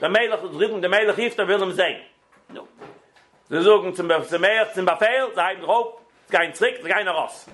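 A man telling a religious parable in halting, informal speech, often repeating and restarting phrases and switching in English words. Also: sits high, a bit bright. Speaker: storyteller.

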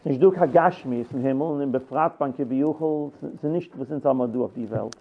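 A man with a medium-pitched voice speaks quickly, retelling a Bible story as a Torah teacher in a Yiddish-flavored lesson. He acts out the quotes and often restarts his sentences. The line sounds tinny, like a phone.

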